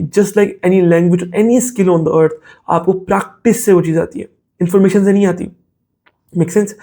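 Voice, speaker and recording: A man's voice: high-pitched, warm tone. A man giving a casual spoken talk on faith and self-control, mixing in English phrases and checking in with "make sense?". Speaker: Islamic motivational speaker.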